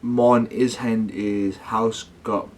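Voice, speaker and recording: A man's voice: lowish voice, little pitch movement, takes it slowly. Man, casual rambling vlogger. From United Kingdom. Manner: rambling, slangy, with self-corrections. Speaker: paranormal investigation vlogger. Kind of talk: casual talk to viewers.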